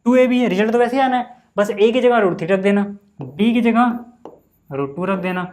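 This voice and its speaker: A man teaching a maths lesson in a relaxed, chatty way, often saying "okay" and calling his students "brother". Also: high voice, moderate pace. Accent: Hindi. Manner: casual, repeats "ठीक है" and "भाई" often. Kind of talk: screen-recorded maths lesson.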